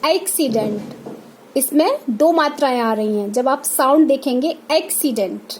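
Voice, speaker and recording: A woman teacher giving a classroom pronunciation lesson, saying example words one at a time and repeating them deliberately. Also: sits high, darkish tone, a little hiss or hum.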